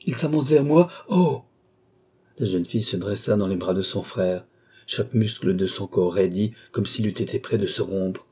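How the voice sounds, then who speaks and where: A man reading a classic novel aloud as an audiobook narrator, in even, steady storytelling. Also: low-pitched, moderate pace, husky.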